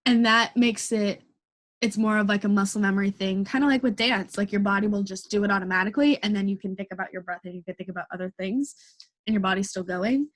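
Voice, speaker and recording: A woman's voice: mid-range voice, fast. Young woman, casual chat, rambling filler-heavy delivery, dancer.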